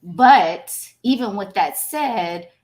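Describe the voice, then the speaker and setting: A woman panelist answering a question, measured and thoughtful, with frequent fillers as she thinks aloud. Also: medium pitch, lively intonation, darkish tone.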